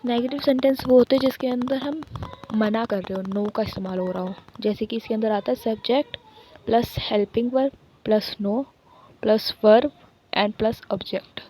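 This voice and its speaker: A woman's voice: fairly high pitch, dark tone, a little hiss or hum, rough recording. Hindi-speaking woman teaching English basics. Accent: Indian. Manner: reads English lines slowly then explains in Hindi. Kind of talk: exam-prep lecture explaining notes.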